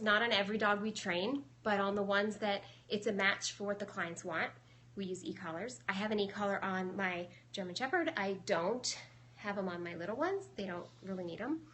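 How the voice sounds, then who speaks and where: A young adult woman with a bright, forward voice, talking through her training methods in a loose, chatty way. She explains things step by step, with plenty of ums along the way, as she answers viewers live. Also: mid-range voice, a little hiss or hum. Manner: chatty, explanatory, many fillers. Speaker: dog trainer.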